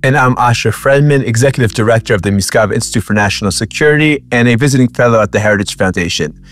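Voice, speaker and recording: A man's voice: mid-range voice, fast. A man co-hosting a podcast, chatting casually with fillers and restarts, then introducing the show and a guest. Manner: conversational, with frequent fillers and restarts. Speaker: podcast co-host.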